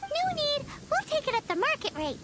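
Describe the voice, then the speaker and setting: A woman's voice: very high-pitched, big pitch swings, normal speed, heavy background noise. A woman voicing a tiny, chirpy female companion sprite in a video game, bubbly and cheeky, who talks about herself in the third person. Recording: loud game music under the voice. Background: game background music.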